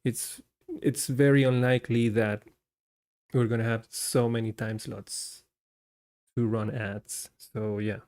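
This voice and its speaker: Speaking slowly and flatly with frequent pauses, a slightly mellow-voiced man from Costa Rica narrates his coding on a live stream. He chats with viewers as he works through the code.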